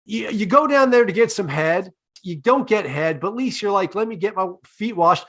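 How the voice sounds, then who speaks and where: A man with a high voice hosts a comedy podcast. He lays out long, deadpan, profane setups before each question. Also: moderate pace. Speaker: podcast host. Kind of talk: comedic interview.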